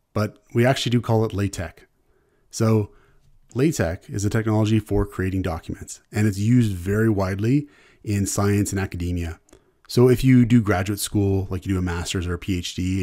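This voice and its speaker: Low, mellow Canadian man lecturing. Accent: Canadian English. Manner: relaxed, conversational explaining with repeated restarts. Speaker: university instructor. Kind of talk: screencast lecture.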